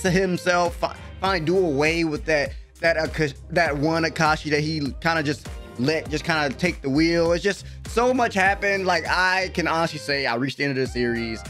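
A slightly high, a bit bright male voice belongs to a young adult who hosts anime reactions, speaking casually with slang and exclamations. He sits in a small bedroom streaming setup with a desk microphone close in front.

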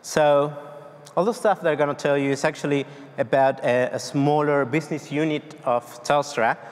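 On the stage of a large, dark conference hall, a man from Argentina in his thirties gives a tech talk with a Spanish accent. His pitch is fairly high, his tone steady and his speed normal. The delivery is loose and hesitant, with many fillers and restarts, under long hall reverb.

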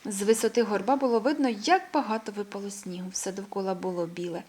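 A woman reading a children's story aloud in a gentle, expressive way. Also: mid-range voice, fast talker, husky.

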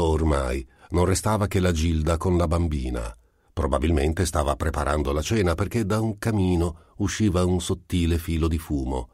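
Man, audiobook narrator, very low voice, husky, dry, measured dramatic delivery. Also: darkish tone, no echo. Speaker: audiobook reader. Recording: amateur home recording.

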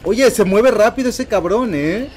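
A man with a Mexican accent giving let's-play commentary, excitable and swearing, yelping when startled. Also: high-pitched, measured pace, slight background noise. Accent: Mexican Spanish. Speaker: gaming channel host.

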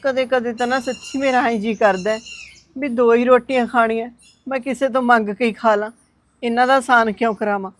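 A woman's voice: a little high, fairly even intonation, a little fast, lightly acted. A woman playing a frail old mother-in-law who pleads and complains in a sighing voice in an amateur short film. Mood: grateful.

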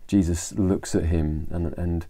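A man's voice: low voice, fairly even intonation, measured pace, mellow, no room sound. An English man giving an informal devotional talk, retelling a Bible story in a conversational way with fillers and restarts. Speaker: church leader.

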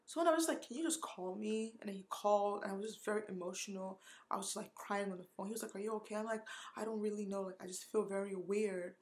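A woman's voice: medium pitch, fast talker. A woman in her twenties from Nigeria telling a candid storytime vlog about dating, emotional and close to tears, with lots of fillers and swearing. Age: 20s. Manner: candid, emotional, heavy use of "like" and cursing. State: tearful, close to crying. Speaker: vlogger.

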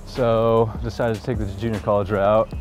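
Music plays in the background as this young man, a college ballplayer, talks casually in an interview while strolling across campus. He speaks at a moderate pace in a voice on the low side. His manner is easygoing, and fillers come up often.

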